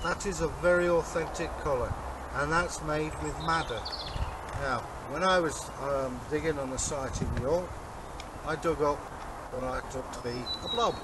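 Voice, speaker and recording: Older man explaining, noisy outdoors. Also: a little high. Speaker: co-host, Viking re-enactor. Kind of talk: casual explanatory show-and-tell. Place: outdoors in a leafy garden. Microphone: camera a few metres away. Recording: outdoor noise, birds and distant traffic.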